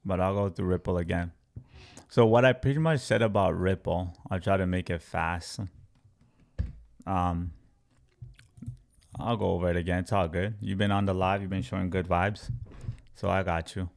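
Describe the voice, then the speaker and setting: A man's voice: deep voice, steady tone, moderate pace, vocal fry, long pauses. A man from Congo, a crypto trading educator, answering viewers' chat questions on a live stream with emphatic repetition and step-by-step chart talk.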